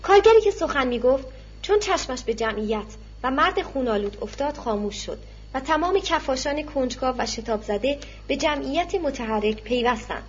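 Woman reading a novel out loud, pretty high voice, steady pace, dull lo-fi recording w faint hiss. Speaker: audiobook narrator. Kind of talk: scripted narration.

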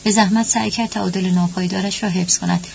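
A woman narrating a story at a steady, even pace. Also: medium pitch, creaky. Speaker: audiobook narrator. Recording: dull lo-fi with faint hum.

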